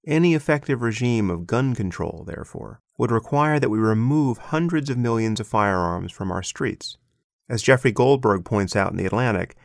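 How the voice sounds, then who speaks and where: A man reading an essay aloud in a measured, deliberate way, stepping out now and then for brief spoken asides. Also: on the low side, vocal fry, no echo, studio quality. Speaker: essay reader and commentator.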